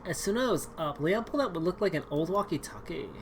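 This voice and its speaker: Animated low-voiced woman reading a game. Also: quick pace, slight background noise. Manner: sarcastic, wry asides and exaggerated outbursts. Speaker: streamer reading a dating game aloud. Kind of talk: dramatic game read-through.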